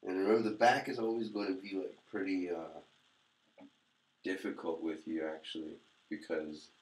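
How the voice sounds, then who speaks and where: A man chatting casually to camera as a vlogger, in a halting, rambling, laid-back way, in a very echoey room. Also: sits low, steady tone. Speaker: vlogger reviewing hair pomade.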